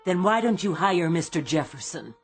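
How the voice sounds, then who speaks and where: A woman acting in a radio drama as an exasperated, sharp-tongued secretary given to sarcastic retorts. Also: on the low side, big pitch swings, normal speed, soft background music. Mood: exasperated, defensive.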